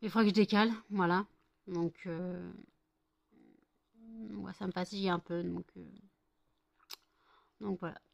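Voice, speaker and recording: A woman's voice: fairly low pitch, steady tone, a little slow, gravelly, long pauses. Rambling French woman vlogging at home. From France. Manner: rambling, many fillers, coos baby talk to her dogs. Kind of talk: casual home vlog chat.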